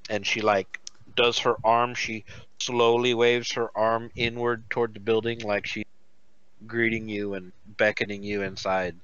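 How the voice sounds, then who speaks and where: A man narrating as game master over an online call, taking his time and describing each detail at length. His voice is bright and clear, but the audio is dull and lo-fi with no room sound. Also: fairly low pitch, flat delivery, dry recording. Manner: descriptive and unhurried, with many fillers.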